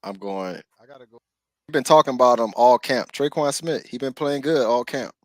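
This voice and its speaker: A man's voice: mid-range voice, animated, moderate pace, no echo. Laid-back man, dry close sound. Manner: laid-back, checks in with the listener. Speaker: podcast co-host. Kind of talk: casual sports chat.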